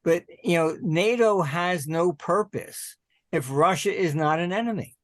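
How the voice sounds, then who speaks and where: An older American man speaks as a guest on an interview show, with a voice pitched somewhat high for a man. He talks in halting, digressive runs and keeps clearing his throat. The recording is dry and close, with no room sound. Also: dry recording. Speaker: guest, market analyst. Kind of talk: conversational interview.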